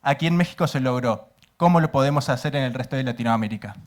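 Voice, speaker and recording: A man's voice: mid-range voice, slight background noise. A man in the audience of a panel, earnestly and carefully posing an open question to the speakers. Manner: earnest, measured, uses inclusive language. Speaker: audience member asking a question. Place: university auditorium.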